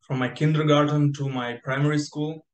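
With a slightly high voice, fairly even intonation and normal speed, the young man raised in Spain tells his story on a video call. He rambles, using many fillers and restarting often, from a bright indoor room whose echo comes through on the call.

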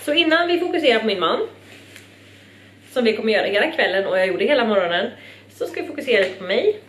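A woman's voice: fairly high pitch, sing-song, a bit bright, echoey room, a little hiss or hum. A young woman from Sweden chatting casually in a vlog at home, bubbly and rambling. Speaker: vlogger.

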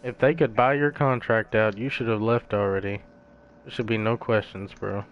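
A man's voice: fairly low pitch, steady tone, moderate pace. A man trash-talking his friends in casual voice chat while gaming, brash, profane and mocking. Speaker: gamer streaming with friends. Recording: dull lo-fi gaming mic, faint hiss.

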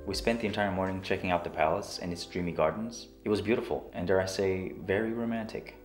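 A young man narrates his travel vlog in a scripted way, talking to camera from a small room at home with dry, self-mocking humor. His voice sits low, with fairly even intonation and a fast pace. The recording has a roomy echo and soft guitar music.

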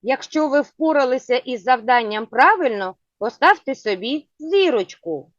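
A woman teaching a children's phonics lesson, asking patient, clearly spoken questions. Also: high-pitched, expressive, normal speed, no echo. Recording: dull lo-fi sound.

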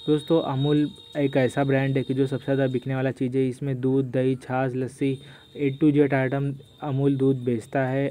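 A young man hosting a screen-recorded vlog, often saying "friends" and reading prices aloud in a steady walkthrough. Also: mid-range voice, smooth. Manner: repeats "doston" often, reads prices aloud. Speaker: YouTube host.

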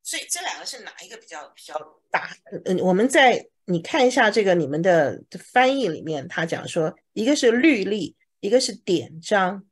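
A woman's voice: mid-range voice, big pitch swings, moderate pace, few pauses, slightly rough. A woman teacher explaining English words to a class, often stopping to ask if anyone has questions. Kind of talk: classroom vocabulary lesson.

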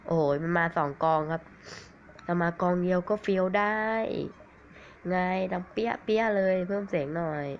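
A man with a cold giving rambling, excitable commentary on a mobile game, swearing at it now and then. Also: high-pitched, normal speed. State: has a cold. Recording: dull lo-fi recording with faint hiss.

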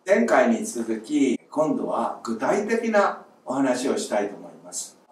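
Lively man teaching in an echoey room. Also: mid-range voice, takes it slowly. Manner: demonstrates exercises by shouting short counts. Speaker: music teacher. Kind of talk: instructional video lesson. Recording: roomy echo, distant mic.

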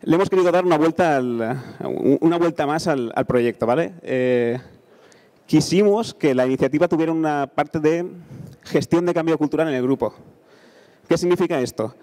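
Onstage at a conference with a handheld microphone, a thirtysomething Spanish-accented engineer pitches a startup accelerator. He talks informally at a normal speed in a slightly mellow voice on the high side, often tossing in check-in tags.

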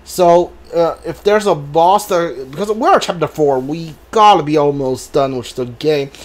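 Thinking out loud in a hesitant, rambling way, this male streamer narrates his game casually and live, his voice on the high side and his speed normal. Game sounds sit faintly behind him.

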